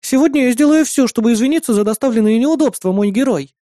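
A man's voice: very high voice, fast, dark tone, no echo, clean studio sound, pitched above the performer's own voice. Man doing a sweet clingy little sister. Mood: pleading, sweet. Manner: affectionate, pleading, clingy. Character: young girl, sweet devoted little sister.

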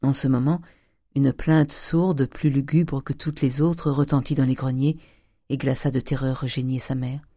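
Low-voiced woman reading a classic novel. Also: level tone, moderate pace, warm tone, dry recording, clean studio sound. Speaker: audiobook narrator. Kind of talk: scripted narration of a classic novel.

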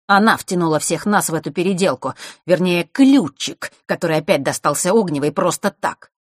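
A woman's voice: lowish voice, expressive, moderate pace, dry recording, studio quality. A woman voicing an arrogant teenage boy who talks down to others and makes threats. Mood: scornful. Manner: condescending, threatening.

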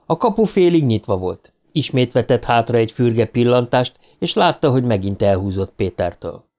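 A man narrating an audiobook in a dramatic, expressive reading style, voice rising as the tension builds. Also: medium pitch.

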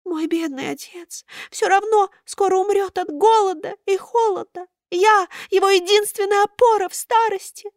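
A woman plays a tiny wooden boy with a piercing, tearful voice. He whines and begs in a thin, high, wavering tone, and the dry close sound leaves no room around him. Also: moderate pace, few pauses, no echo. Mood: pleading. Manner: thin plaintive wailing voice. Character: puppet boy, small wooden, whining and pitiful.

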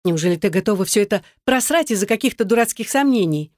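A woman reading an audiobook voices a pushy, scornful young woman who bosses and mocks her friend, raising her voice higher for the part. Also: animated, fast, darkish tone, dry recording, studio quality, natural voice. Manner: bossy, mocking, then coaxing.

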